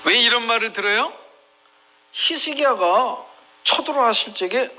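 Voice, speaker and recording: A man's voice: very high voice, expressive, normal speed, pushed and bright, low-quality recording. A middle-aged male pastor preaching a sermon, emphatic, retelling scripture with acted quotes.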